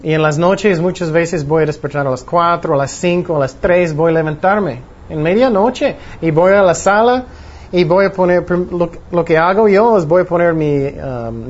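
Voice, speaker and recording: A man preaching a sermon with a plain teaching tone, asking his listeners rhetorical questions and acting out the worried voices in their heads. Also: a little high. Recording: dull lo-fi recording with faint noise.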